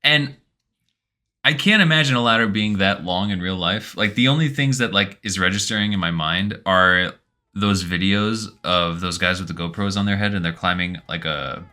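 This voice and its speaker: A man's voice: sits low, moderate pace, sharp tone. A young man co-hosting a podcast, chatting casually and rambling, swearing now and then. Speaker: podcast co-host. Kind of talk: casual chat.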